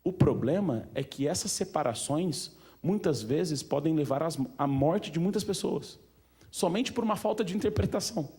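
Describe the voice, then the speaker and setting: A man's voice: a little high, lively intonation, normal speed, dark tone. A man with a Brazilian accent giving an informal talk to an audience at a museum event, chatty and full of questions to the room. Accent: Brazilian Portuguese. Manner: chatty, asks the audience questions, many fillers.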